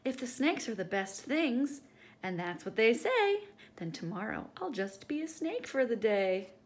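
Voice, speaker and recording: A woman's voice: fairly high pitch, sing-song, a little slow. A woman voicing an eager, boastful male emu in a storybook, with an exclamatory, emphatic delivery. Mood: scheming.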